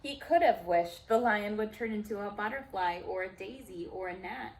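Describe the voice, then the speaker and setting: A woman storyteller with a mid-range voice reads aloud to young children, deliberate and emphatic, adding simple explanatory asides. The recording quality is low.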